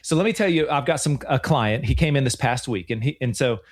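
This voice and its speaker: A man's voice: medium pitch, fairly quick. A man in his forties, a financial advisor hosting a show, talking in an earnest, chatty way and often repeating himself. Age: 40s. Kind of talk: casual radio-show chat.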